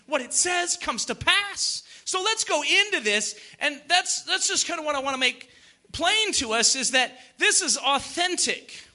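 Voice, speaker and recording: High bright-voiced male preacher. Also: animated, unhurried. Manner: conversational, repetitive, emphatic rhetorical questions. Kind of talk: sermon.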